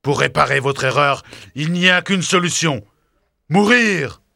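A man voicing a fearsome male beast who speaks sternly and commands loudly in an audiobook story. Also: a little high, animated, measured pace, vocal fry, no room sound, clean studio sound, exaggerated voice. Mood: menacing. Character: fearsome male beast, castle lord, harsh. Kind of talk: audiobook drama.

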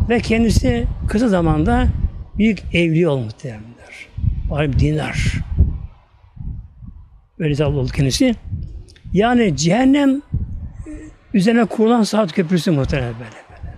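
A man's voice: sits high, sing-song, moderate pace, long pauses, darkish tone, husky. A male preacher telling a religious story in a sermon, fervent and repetitive as he repeats his phrases.

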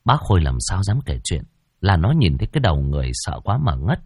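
A man's voice: deep voice, sing-song, fast, darkish tone, slightly rough, no echo, studio quality. A man narrating a ghost story dramatically.

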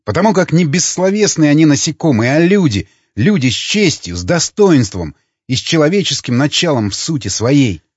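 Guy doing an angry young rebel, husky and accusing, lots of pitch swing, kinda dull audio. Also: very animated, moderate pace, no echo. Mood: defiant. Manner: impassioned, accusing. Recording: dull lo-fi recording.

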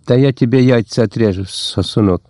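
A spiteful old gangster, heavy and cornered, hisses threats and slang insults, as a male audiobook reader puts him on. The voice is dark and mellow. The recording is close and dry, with no room sound. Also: mid-range voice, brisk, no room sound, close to an everyday voice. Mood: menacing.

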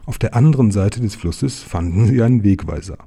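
A man reading a children's picture book aloud, gently addressing the child listening. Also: lowish voice, animated, a little fast, vocal fry, slightly rough. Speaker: storyteller.

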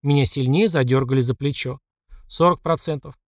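A man reading a first-person audiobook, who delivers the system messages in a clipped, flat report tone. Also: mid-range voice, moderate pace, no echo, clean studio sound. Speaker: audiobook narrator.

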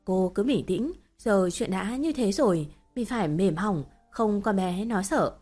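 Bossy middle-aged village woman, loud and scolding, read by a woman narrator. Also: medium pitch, lively intonation, unhurried, slightly rough, soft background music. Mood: coaxing.

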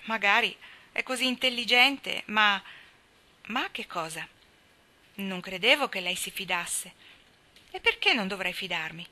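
A woman reading aloud, voicing a rough-mannered teenage boy who is earnest and unsure of himself. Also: medium pitch, lively intonation, measured pace, long pauses, sharp tone.

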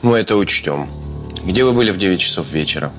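Authoritative police investigator, deep voice, terse questions, crime drama, musical backing. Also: male voice, lively intonation, quick pace, a bit bright, faint music behind. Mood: businesslike, pensive. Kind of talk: screen crime drama acting.

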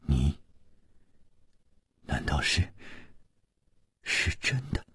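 A man voicing a brooding, jealous woman who speaks in a low, hushed whisper. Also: sing-song, slow pace, breathy edge, dry recording, studio quality, heavily acted. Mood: tense.

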